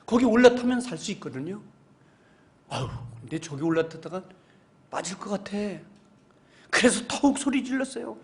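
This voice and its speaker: Male pastor, high-pitched voice, animated storytelling sermon that rises into emphatic exhortation. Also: moderate pace, long pauses. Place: church sanctuary.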